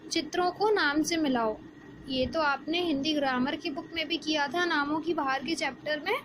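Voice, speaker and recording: A woman, teaching a Hindi lesson to young children and asking the class questions as she explains slowly. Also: high-pitched. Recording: background noise.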